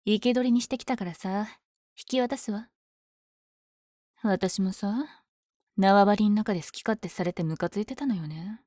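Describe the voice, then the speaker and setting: A woman playing a powerful, flirtatious villain lady smitten with her hero rival, in an ASMR audio drama with teasing, breathy asides. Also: mid-range voice, normal speed, long pauses, warm tone, no echo, clean studio sound, natural voice. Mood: breezy, taunting.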